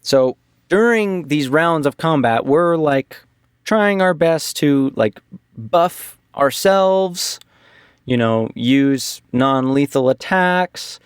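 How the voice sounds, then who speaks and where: A man's voice: a little high, animated, slow pace, clear, resonant tone, no room sound, clean studio sound. A man casually recapping a tabletop game session as game master, with lots of fillers and restarts. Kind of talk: casual podcast chat.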